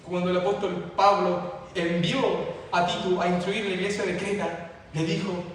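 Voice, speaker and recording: High-voiced male pastor in echoey hall. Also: flat delivery, moderate pace. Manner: fervent, repetitive preaching with rising emphasis. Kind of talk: sermon. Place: church hall. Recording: echoey hall from far off, faint noise.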